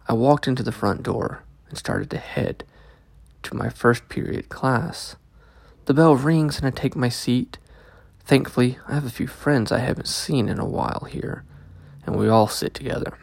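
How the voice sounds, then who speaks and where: A man narrating a scripted first-person story as a host, with a gravelly, creaky voice, close to the microphone. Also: medium pitch, no echo. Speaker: host and story reader of a podcast.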